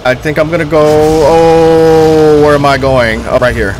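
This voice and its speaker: A man casually commentating his own horror game play for viewers, excitable and quick to exclaim. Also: fairly high pitch, over music. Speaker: gaming streamer.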